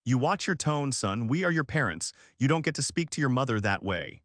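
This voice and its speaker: Guy doing a gruff booming dad, scolding, dry close sound. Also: animated, a little fast, dry recording, natural voice. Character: gruff, booming middle-aged father.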